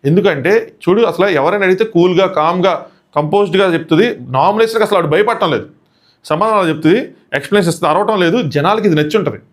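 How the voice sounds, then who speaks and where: A man giving casual commentary on a reality show, animated and quick, with a Telugu accent, mixing in English phrases. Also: high-pitched.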